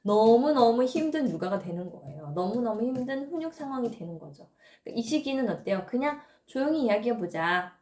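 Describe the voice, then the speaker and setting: A woman's voice: a little high, sing-song, brisk, warm tone, reverberant. A woman giving a parenting lesson, explaining patiently and often asking rhetorical questions. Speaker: parenting educator.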